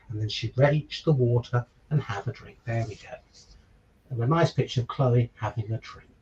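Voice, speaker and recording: A man with a fairly high, fairly bright voice is reading a children's picture book aloud as a stand-in reader, chatting and asking his listeners questions along the way. He's on a virtual call, away from the microphone, so the recording is rough, distant, and carries slight background noise.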